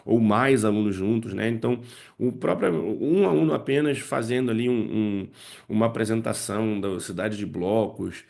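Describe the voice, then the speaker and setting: A man's voice: lowish voice, moderate pace, creaky, darkish tone. A man teaching how to use poems in English lessons, explaining step by step and checking in with his listeners. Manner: explanatory, frequent "né" and "tá" check-ins. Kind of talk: spoken lesson to parents and teachers.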